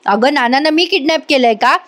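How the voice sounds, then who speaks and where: A woman's voice: sits high, fairly quick, fairly bright tone. A woman voicing a firm young daughter-in-law who answers accusations with indignation in a soap recap. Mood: indignant.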